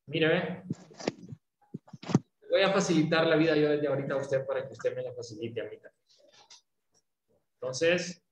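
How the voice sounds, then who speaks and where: A man teaching English in an online class, explaining patiently and often checking understanding with quick questions. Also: on the high side. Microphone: video call. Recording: roomy echo, faint background noise.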